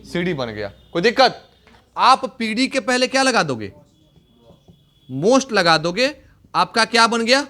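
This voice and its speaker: A young male teacher with a high voice talks through a grammar lesson. He keeps asking his class questions and stops often to check that everyone is following. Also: big pitch swings, measured pace, long pauses, sharp tone. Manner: repeats questions to students, checks understanding often.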